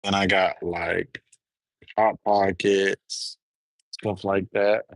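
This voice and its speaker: Low-pitched and flat, he draws out his words in a dry recording. He's a young Southern-accented livestreamer from Alabama, rambling chattily to viewers he calls "gang" as he moves between the road and a store.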